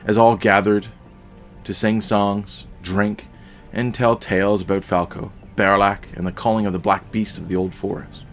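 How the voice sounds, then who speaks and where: A man narrating a solo tabletop fantasy game in steady, descriptive storytelling. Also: on the low side.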